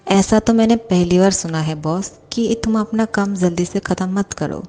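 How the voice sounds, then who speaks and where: A woman's voice: medium pitch, moderate pace, mellow, faint music behind, lightly acted. A woman voicing a shy young male secretary who speaks politely and anxiously to his boss.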